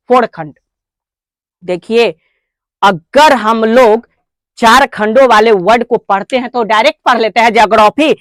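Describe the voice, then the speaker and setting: A woman with an Indian accent teaching spoken English, breaking words into slow, stressed syllables. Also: on the high side, no room sound. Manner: drawn-out, stressed syllable drills. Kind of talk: classroom lesson.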